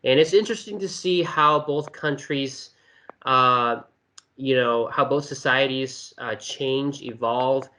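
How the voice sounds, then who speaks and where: A man from China, a guest in an interview, explaining things casually with many pauses and restarts. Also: mid-range voice, bright, forceful tone. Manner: hesitant, many fillers and restarts.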